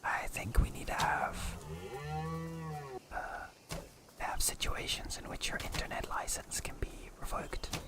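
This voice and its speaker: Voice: unhurried, pauses often. A game streamer whispering close to the microphone during a live stream, playfully teasing viewers and breaking into jokey, mock-outraged asides.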